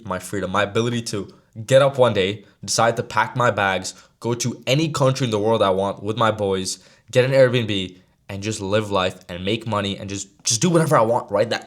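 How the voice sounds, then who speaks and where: A man of about twenty giving a brash motivational talk to camera as a sales mentor, casual and slangy. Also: on the low side. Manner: brash, slangy, straight-talking.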